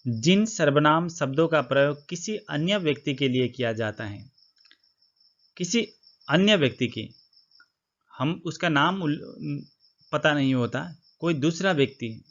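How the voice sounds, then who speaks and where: Man teaching a grammar lesson, lo-fi. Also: mid-range voice. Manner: explains step by step, repeats points, asks and answers his own questions. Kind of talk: classroom-style grammar lesson. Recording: slightly dull lo-fi recording.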